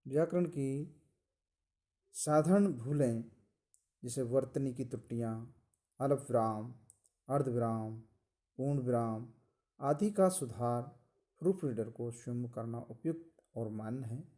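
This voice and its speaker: Male lecturer, unhurried and methodical, deep mellow tone, a teaching cadence that repeats key points. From India. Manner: slow, deliberate, explanatory, repeats phrases. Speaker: college lecturer. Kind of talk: recorded lecture.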